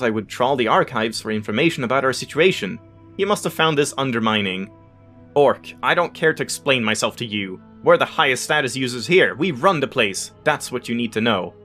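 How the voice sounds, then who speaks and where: While game music plays behind him, a let's play host reads the on-screen text aloud in a mid-range, fairly bright voice, tossing in casual comments. Occasionally he stumbles on unfamiliar words and then self-corrects.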